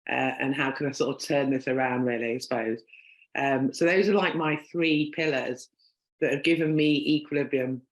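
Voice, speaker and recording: Very deep-voiced and fairly even in intonation, a woman from Northern England hosts a casual podcast interview at normal speed. She rambles in a chatty manner, saying "um" and "like" constantly, and the room is echoey.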